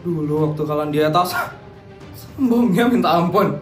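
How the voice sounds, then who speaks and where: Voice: medium pitch, expressive, normal speed, natural voice. A voice actor playing a woman in a cartoon who gloats and taunts a family that once mistreated her. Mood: taunting. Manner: taunting, mocking. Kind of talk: cartoon voice acting. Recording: roomy echo with faint music.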